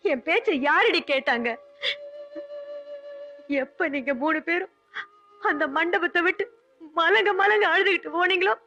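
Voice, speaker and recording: A woman's voice: extremely high pitch, animated, fairly quick, bright, forceful tone, lo-fi sound, soft background music, exaggerated voice. An actress playing an aggrieved middle-aged mother who laments and weeps, speaking. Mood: weeping. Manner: tearful, lamenting, scolding her daughters. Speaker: mother in a film family drama.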